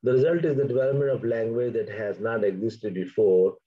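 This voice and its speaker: A man's voice: medium pitch, steady tone, fairly quick, husky, dull audio. A man whose first language is Urdu, giving an academic linguistics lecture. He reads from his notes, then explains in plain asides.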